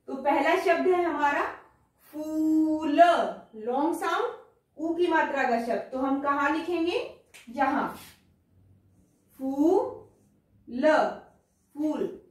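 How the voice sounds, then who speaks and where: A woman teacher speaks to young pupils in a high, patient voice. She goes very slowly and stretches out each word she reads. Her voice sounds far from the mic, with strong echo around it. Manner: slow, drawn-out word-by-word reading. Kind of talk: children's lesson. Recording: echoey room, voice from far off.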